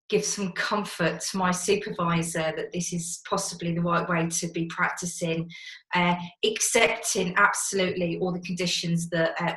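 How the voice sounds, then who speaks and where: A counsellor in private practice asks a polite, measured question over a video call from a shed that gives her voice an echo. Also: lowish voice, fairly bright tone. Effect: echoey shed. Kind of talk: audience question on a webinar. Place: garden shed. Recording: echoey small room.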